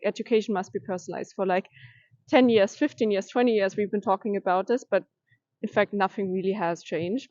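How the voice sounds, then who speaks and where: A young woman from Germany answers interview questions, thinking aloud with pauses and restarts. Her voice sits at a middle pitch. The recording is dry and a little muffled. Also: dry recording. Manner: thoughtful, hesitant, with many fillers and restarts. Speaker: interviewee, education data science master's student.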